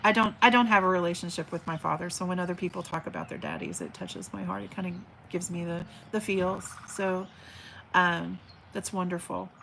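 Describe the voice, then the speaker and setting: A woman in her forties, hosting a relaxed livestream at home near an open window with birds outside, reads viewer comments affectionately and chattily in a big teacher voice, full of fillers and restarts. Her voice is lowish, expressive, gravelly and a bit bright, moving fairly quickly. It's a rough recording with a little hiss or hum.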